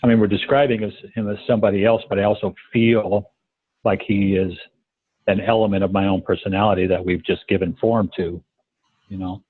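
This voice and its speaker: A man in his fifties answering coaching questions in a thoughtful, halting way with many pauses and ums. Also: lowish voice, little pitch movement, slightly rough, no room sound. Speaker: coaching student. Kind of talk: live coaching demonstration. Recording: tinny phone-like call line.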